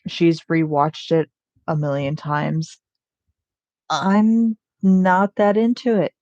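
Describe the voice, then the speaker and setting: A woman's voice: low-pitched, fairly even intonation, takes it slowly, a little mellow, dry recording, lo-fi sound. A young woman in casual, rambling chat, full of ums and restarts, with the odd curse thrown in. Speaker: vlogger.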